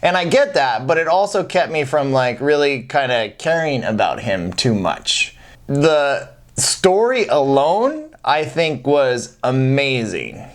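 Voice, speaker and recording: A man's voice: medium pitch, sing-song, slow pace. A man co-hosting a casual film review chat, conversational and careful to frame things as his own opinion. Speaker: film review show co-host.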